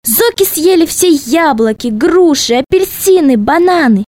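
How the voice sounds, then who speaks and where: A woman reads a children's story aloud in an expressive, playful way. Her voice sits high and swings widely in pitch. The recording is dry and close. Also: a little slow, dry recording. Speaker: narrator.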